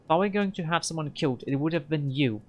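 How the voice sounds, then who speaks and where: A man reading a game aloud and voicing a nervous, defensive male hacker in a higher, strained voice. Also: fast talker, natural voice.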